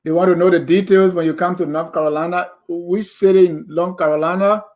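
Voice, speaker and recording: High-voiced Liberian-accented male host. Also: fairly even intonation, fairly quick, a little mellow. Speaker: live show host reading viewer comments. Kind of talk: casual chat.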